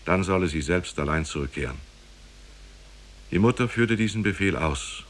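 This male actor's voice sits low yet carries a bit of brightness. Cast as a grave storyteller in a 1950s German radio drama, he delivers an old parable with measured, formal solemnity.

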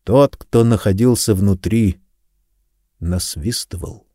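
A man reading an audiobook in a steady, measured scripted narration. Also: lowish voice, no room sound, studio quality.

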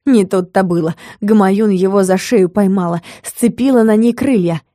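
A woman reading a fantasy audiobook in a measured, even storytelling manner, close to the microphone. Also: medium pitch, no echo. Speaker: audiobook narrator. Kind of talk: scripted audiobook narration.

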